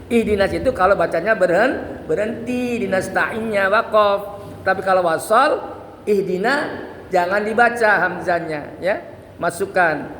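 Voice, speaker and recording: A man teaching Quran recitation, explaining the rules briskly and then chanting verses slowly and melodically to demonstrate. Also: sits high, a bit bright. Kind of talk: religious lesson on Quran recitation. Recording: echoey hall with long reverb and faint ambience.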